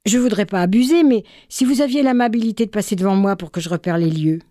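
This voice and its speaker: A woman's voice: medium pitch, quick pace, dark tone, no echo, clean studio sound, pitched above the performer's own voice, natural voice. Woman putting on a wily, over-polite young prince. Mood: mock polite. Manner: overly polite, feigned helplessness.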